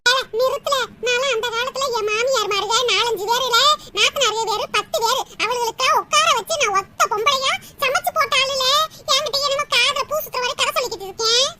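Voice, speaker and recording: A woman voicing a sharp-tongued, quarrelsome old mother-in-law in a cartoon comedy, with a nagging, scolding manner. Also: very high voice, fairly quick, few pauses. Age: older. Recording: loud background noise.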